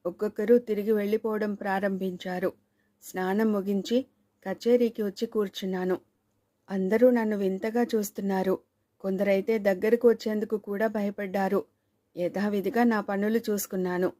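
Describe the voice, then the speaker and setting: A woman narrating a suspense novel in a steady, measured reading voice. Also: mid-range voice, dry recording. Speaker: audiobook narrator.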